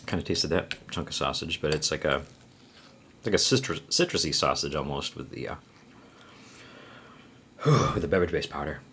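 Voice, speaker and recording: A man's voice: rumbling low, animated, normal speed, pauses often, fairly bright tone, a little hiss or hum. A man vlogging an eating challenge, talking while chewing with groans and sighs. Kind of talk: casual eating vlog.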